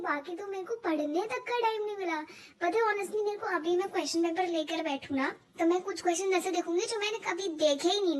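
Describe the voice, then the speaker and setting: A young woman from India talking casually to the camera, chatty and self-mocking, switching between two languages. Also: very high-pitched. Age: young adult. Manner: chatty, mixes English into her talk, self-mocking. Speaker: vlogger. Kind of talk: casual chat.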